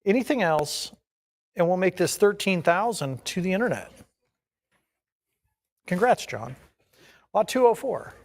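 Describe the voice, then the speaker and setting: A man's voice: high voice, big pitch swings, unhurried, creaky, pauses often. A man working as an auctioneer, calling bids in a repetitive chant of numbers and increments.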